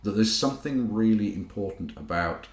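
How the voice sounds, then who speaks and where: A man's voice: lowish voice, lively intonation. A man in a casual discussion, talking in long rambling sentences and correcting himself as he goes. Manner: rambling, self-correcting, talks fast. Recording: echoey room.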